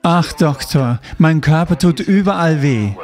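A man's voice: a little high, animated, unhurried, darkish tone, soft background music. A man voicing a whiny young woman. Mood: complaining. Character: young woman complaining of aches.

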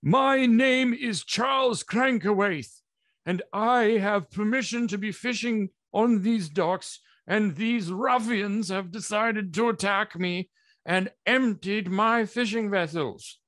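A man voicing a pompous wizard who hollers in a shrill, indignant voice. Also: slow, fairly bright tone, no echo.

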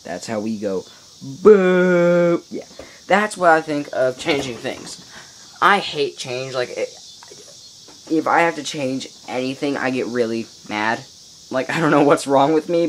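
A man's voice: mid-range voice, a bit bright, a little hiss or hum, poor audio. A teenage boy vlogging casually from his upstairs room at home, rambling to viewers with playful mock outrage. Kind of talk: casual video diary. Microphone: microphone in a home room. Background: faint insects chirping.

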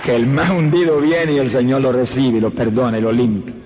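An older man with a Puerto Rican accent preaching a fervent Pentecostal sermon, exhorting his listeners and moving between slow, emphatic phrases and rapid bursts. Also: mid-range voice, steady tone, darkish tone. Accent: Puerto Rican Spanish. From Puerto Rico. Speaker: evangelist preacher. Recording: archival sermon with hall reverb and faint hiss.

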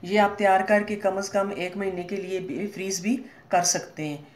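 A woman hosting a home cooking channel, calmly explaining each step of a recipe with short pauses. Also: medium pitch. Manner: calm, step-by-step explaining with Urdu-flavoured words and short pauses. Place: home kitchen, echoey room. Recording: echoey room with faint ambient noise.

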